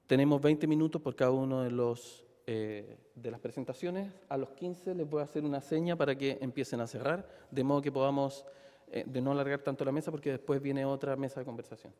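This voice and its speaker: A man moderates a formal panel. His voice is mellow and rings through a hall with long reverb. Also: mid-range voice, fairly even intonation, brisk.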